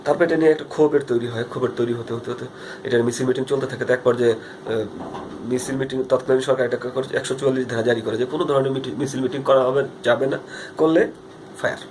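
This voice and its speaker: Talking fast into his front-facing phone camera, a young man from Bangladesh records a casual, earnest video diary in accent-marked Bengali, stumbling through fillers and restarts. His vlogging voice is mid-range and fairly even, set against background noise.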